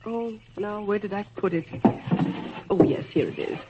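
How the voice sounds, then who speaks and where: A woman's voice: medium pitch, sing-song, background noise. An actress playing a busy, scatterbrained, motherly nature spirit in a theatrical 1940s radio drama. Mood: kindly fussy. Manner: theatrical, brisk, fussy. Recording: dull lo-fi old radio recording.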